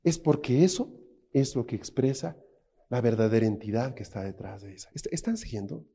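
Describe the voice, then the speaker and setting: A man's voice: medium pitch, lively intonation, a little fast, gravelly, dark tone, slightly rough. A man preaching a sermon with emphasis, often asking the congregation rhetorical questions.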